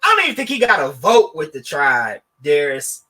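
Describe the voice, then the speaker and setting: A man co-hosting a podcast, animated and joking, with sarcastic asides in casual sports debate. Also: fairly high pitch, moderate pace, breathy edge. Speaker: podcast co-host.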